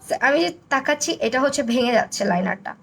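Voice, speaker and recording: A young woman from Bangladesh with a hoarse, broken voice, chatting through a live makeup tutorial and reading out viewer comments. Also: high-pitched, expressive, quick pace, fairly bright tone.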